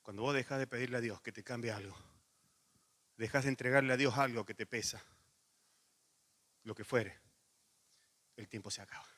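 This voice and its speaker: Bright-voiced Rioplatense pastor preaching. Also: male voice, mid-range voice, normal speed, long pauses. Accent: Rioplatense Spanish. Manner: animated storytelling with laughs, then quiet intimate pleading. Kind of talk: sermon.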